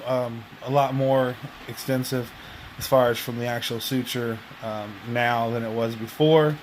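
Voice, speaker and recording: A man with an average-pitched voice talks casually as if updating his viewers from home. His delivery is halting and rambles along. Faint background noise sits behind him. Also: low-quality recording. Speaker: video blogger. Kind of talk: casual personal update to camera.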